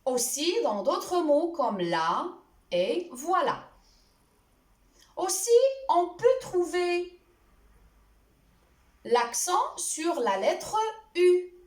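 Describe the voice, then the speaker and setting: A woman teacher walks through a spelling lesson at a very slow, careful pace, naming letters one at a time. Her voice is high and lively. It sounds a little distant, in an echoey room.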